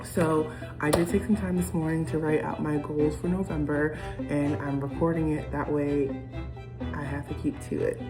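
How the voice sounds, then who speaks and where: A young American woman vlogs to camera in a casual, rambling, reflective way, full of ums and restarts. Her voice is low-pitched and level, at a moderate pace, with music playing behind her.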